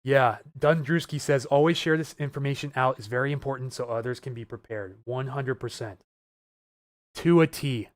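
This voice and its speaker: A man's voice: mid-range voice, normal speed, no room sound, clean studio sound. A man hosting a live weather stream, talking casually and urgently to viewers, nervous and earnest. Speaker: weather livestream host.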